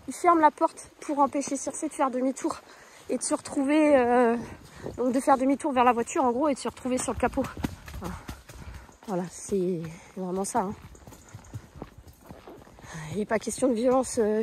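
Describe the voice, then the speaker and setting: A woman with a high, light voice talks casually into a phone held in one hand while she works her horse on a country path. She explains each step and coos praise to the animal. Faint outdoor noise and hoofbeats stay in the background. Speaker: horse owner vlogger. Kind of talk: casual outdoor vlog commentary.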